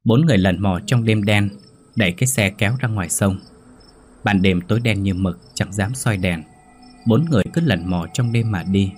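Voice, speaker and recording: Low husky guy reading a ghost story, faint music under it. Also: moderate pace, darkish tone.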